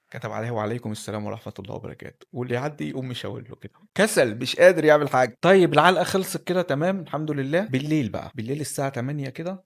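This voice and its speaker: A man with a mid-range voice and an Egyptian Arabic accent tells his personal life story. It's a candid, conversational monologue addressed straight to the listener.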